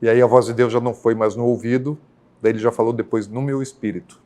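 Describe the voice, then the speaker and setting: Man, senior pastor, from Brazil, podcast guest, earnest faith testimony, unhurried, mid-range voice. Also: mid-range voice, steady tone, warm tone. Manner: earnest, unhurried, with frequent tag questions.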